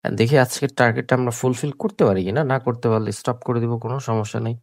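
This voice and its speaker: A sick, coughing man, talking slowly through live trades on screen and repeating his points, mixing in English words. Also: medium pitch, steady tone, darkish tone, no echo. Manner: slow, repetitive explaining with English words mixed in. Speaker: trading tutor. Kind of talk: live trading screen commentary.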